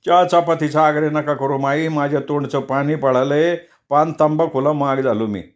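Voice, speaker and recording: A man's voice: on the high side, steady tone, moderate pace, close to an everyday voice. A man voicing an aggrieved, grumbling older village man who keeps donkeys, in a storybook reading. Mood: complaining. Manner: complaining, aggrieved.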